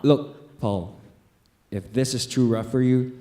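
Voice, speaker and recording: A man acting a calm, probing director who questions a dancer during an audition scene on a theater stage. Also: medium pitch, slow pace, close to an everyday voice. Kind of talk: stage dialogue.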